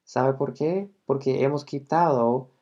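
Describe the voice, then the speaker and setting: Slow, mellow Midwestern American man teaching. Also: mid-range voice, muffled recording. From Michigan, United States. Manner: slow, deliberate, repeats examples. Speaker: English teacher. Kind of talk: language lesson explanation.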